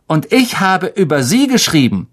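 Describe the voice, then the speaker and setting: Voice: medium pitch, big pitch swings, normal speed, voice pushed up. A storybook narrator raising his voice to play a spoiled boy speaking with forced, smarmy politeness.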